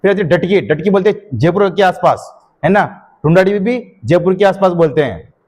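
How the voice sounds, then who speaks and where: A man's voice: high voice, lively intonation, moderate pace, darkish tone, slightly rough. A teacher dictating notes in a classroom lecture, often quizzing his students with a question and then answering it himself.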